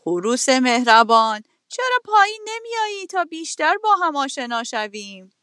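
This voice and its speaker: A woman voicing a cunning, hungry male fox who coaxes in slow, honeyed tones. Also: sits high, very animated, sharp tone, no echo, clean studio sound, heavily acted. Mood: sly coaxing. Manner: sweet-talking, coaxing, drawn-out.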